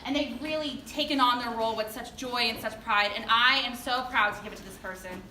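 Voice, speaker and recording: Chatty and enthusiastic, a female drama club teacher gives parents an informal, gushing award speech in an indoor performance space. Her voice is on the high side, fairly quick, bright and forceful. The noisy mic sits far from her in a reverberant, echoey room.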